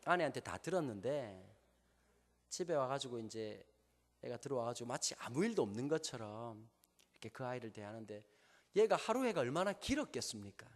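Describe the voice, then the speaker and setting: A man's voice: medium pitch, big pitch swings. A man with a Gyeongsang Korean accent preaching a sermon to a congregation, telling stories and asking them rhetorical questions. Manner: normally talks very fast, slowing down on purpose. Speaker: pastor. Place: church sanctuary before a congregation. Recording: long church hall reverb.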